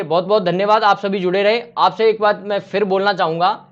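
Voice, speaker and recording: Chatty male tutor, high voice, dull audio. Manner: chatty, asks and answers his own questions. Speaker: civil engineering teacher. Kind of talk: casual online lecture. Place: home room during a power cut. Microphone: laptop.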